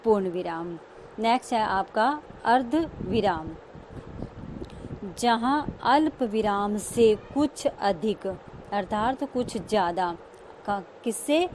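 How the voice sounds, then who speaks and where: A woman's voice: medium pitch, expressive, takes it slowly, a little mellow, slight background noise. A woman school teacher giving a grammar lesson, explaining each term and repeating key words.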